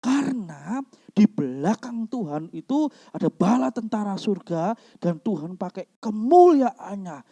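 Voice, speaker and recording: A male pastor preaches a lively sermon in church, his pitch rising and falling freely as he acts out quoted voices. His tone is dark and mellow, and he slips between Indonesian and phrasing. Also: unhurried, gravelly.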